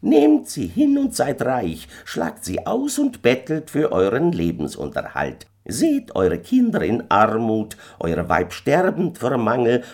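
A man voicing a sinister little old stranger from a fairy tale, speaking slowly and insistently in a raised voice. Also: huge pitch swings, a little mellow, heavily acted. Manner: slow, high, insistent pleading.

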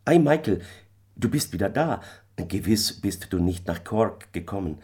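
A man's voice: lowish voice, lively intonation, unhurried, darkish tone, husky. A man voicing a worried, scolding peasant wife in a fairy tale, firing off nagging questions.

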